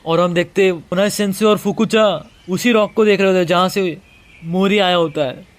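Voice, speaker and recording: A man's voice: high-pitched, steady tone, moderate pace. A man casually retelling the plot of a manga as a storyteller. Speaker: manga explainer. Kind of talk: storytelling recap.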